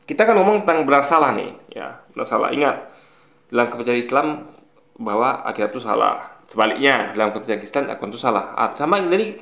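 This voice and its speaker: A man giving casual commentary to his viewers, explaining his points with examples and repeating them in an animated way. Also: medium pitch, fast, gravelly. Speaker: commentator reacting to video clips. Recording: echoey room.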